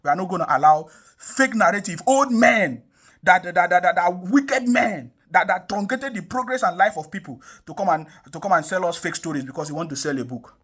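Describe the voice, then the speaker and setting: This young adult online commentator from Nigeria's South South has a high-pitched, husky, slightly bright voice with lively intonation, and he talks a little fast. His political commentary is impassioned, emphatic, and repetitive, with frequent rhetorical questions.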